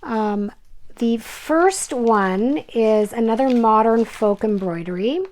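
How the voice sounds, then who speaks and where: Chatty higher-voiced woman showing her stitching. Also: slow pace. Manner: chatty, self-deprecating, with fillers; drops to soft whispers over her silks. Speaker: cross-stitch vlogger. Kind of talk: casual show-and-tell vlog.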